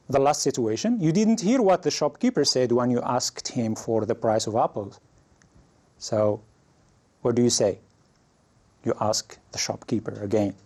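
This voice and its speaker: A man leads an English lesson in a calm, mellow voice at a middle pitch. He explains each situation patiently. When he reads example phrases, his pitch rises. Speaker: English teacher.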